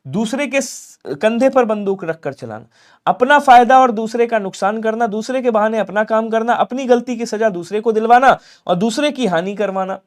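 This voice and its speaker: High-voiced man teaching a live class. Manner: coaxing, repetitive, quizzes viewers and urges quick answers. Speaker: Hindi grammar teacher. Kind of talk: live online exam-prep class.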